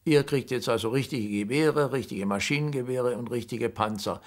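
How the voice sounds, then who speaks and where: An elderly man in his eighties speaks as an interviewed eyewitness. His voice is medium in pitch, and he explains emphatically, one phrase at a time. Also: normal speed. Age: 80s.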